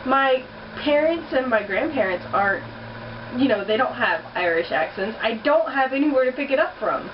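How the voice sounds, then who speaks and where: Her voice is high-pitched and animated at a normal speed as this young vlogger chats bluntly in a casual accent challenge video, occasionally swearing. It's a muffled, distant home recording with a heater audible.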